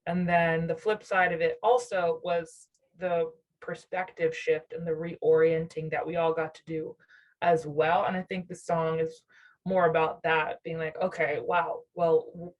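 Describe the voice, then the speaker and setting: A young Southern woman from near Nashville, Tennessee, speaks at a fairly low pitch in a steady, unhurried tone, captured in dull audio. As a musician guest on an interview show, she rambles reflectively through casual chat, filling it with fillers and laughs.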